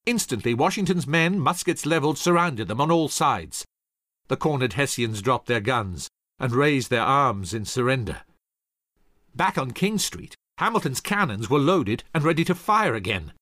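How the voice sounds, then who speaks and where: A man's voice: medium pitch, animated, moderate pace, a bit bright, no echo, studio quality. A man narrating a scripted history story dramatically, acting out the voices of the people in it. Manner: dramatic, acts out quoted voices.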